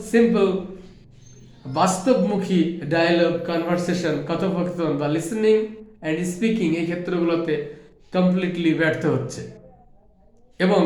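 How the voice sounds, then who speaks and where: Man, earnest educator's appeal, high voice, lists terms one by one, roomy echo. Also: a little mellow. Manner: mixes English terms into his speech. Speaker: educator speaking on English teaching. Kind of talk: earnest spoken talk.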